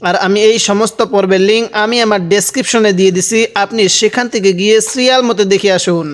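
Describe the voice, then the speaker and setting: A male Quran teacher slowly spelling out letters and vowels, then chanting each joined word, and patiently pointing out common reading mistakes. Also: high-pitched, steady tone. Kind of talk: slow spelled-out recitation lesson.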